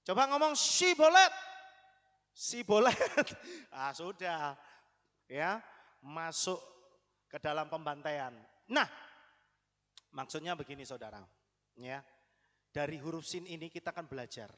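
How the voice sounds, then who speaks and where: A man's voice: a little high, lively intonation, slow, long pauses, sharp tone, in a large hall. A man preaching a sermon in a conversational way, often putting questions to the congregation.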